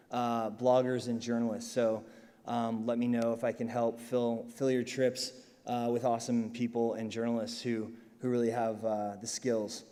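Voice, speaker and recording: In a large conference hall with long reverb, a man moderates a panel in an upbeat, chatty way, full of ums and uhs. His voice is medium-pitched with a dark tone.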